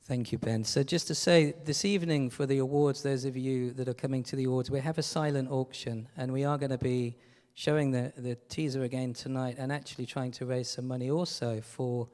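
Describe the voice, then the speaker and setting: A man's voice: mid-range voice, fairly even intonation, a little fast, darkish tone. Male event host, upbeat announcements, hall echo. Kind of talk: stage announcements. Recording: long hall reverb.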